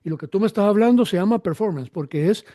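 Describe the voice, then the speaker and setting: A man's voice: high voice, expressive, fast talker, warm tone, dry recording, studio quality. A man interviewing a guest in casual chat, with loose, rambling phrasing.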